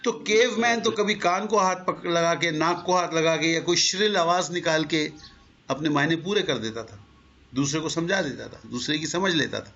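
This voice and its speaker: A man lectures to a class, walking through his points patiently and posing questions to his listeners. His voice sits a little high, and the recording is dull and lo-fi. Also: a bit bright. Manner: explanatory, asks rhetorical questions. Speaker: teacher.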